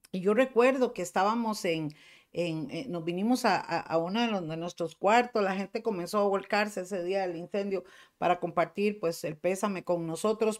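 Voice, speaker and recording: A middle-aged woman pastor with a Costa Rican accent, preaching a fervent sermon to her congregation. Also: mid-range voice. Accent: Costa Rican Spanish. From Costa Rica.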